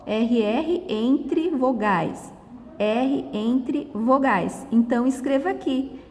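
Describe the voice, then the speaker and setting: With a fairly high pitch and a big-room sound, a middle-aged woman from Brazil leads a step-by-step lesson. Her explanations are patient, drawn out word by word.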